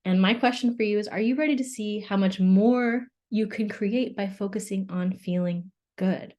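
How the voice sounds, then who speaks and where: A woman's voice: medium pitch, moderate pace, darkish tone, dull audio. A young adult woman coach giving a candid webinar talk, laughing often and open about her feelings. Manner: candid, laughing, tearful at times.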